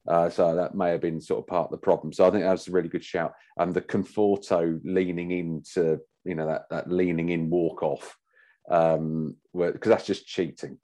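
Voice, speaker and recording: Deep, dark-voiced hesitant man. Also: steady tone, normal speed. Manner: hesitant, many fillers and restarts. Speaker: podcast co-host. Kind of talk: casual chat.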